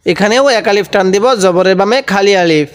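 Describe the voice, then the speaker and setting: A man from Bangladesh teaches Quran reading, breaking each word into syllables and repeating it patiently. His voice sits high and sounds smooth and resonant. A long echo trails behind him, as if he were recorded in a hall. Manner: patient, spells out syllables and repeats words slowly; asks the viewer questions, then answers them himself. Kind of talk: step-by-step spelling lesson.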